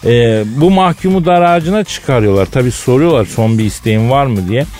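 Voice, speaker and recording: A man's voice: mid-range voice, lively intonation, a little fast, darkish tone, faint music behind. A man hosting a radio show with casual, slangy, mock-indignant comedic banter.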